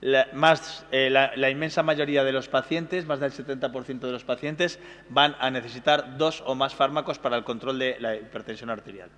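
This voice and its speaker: Man giving a brisk medical lecture. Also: medium pitch, fairly even intonation, fairly bright tone. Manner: brisk, checking in with listeners. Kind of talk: exam-prep medical lecture. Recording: hall reverb.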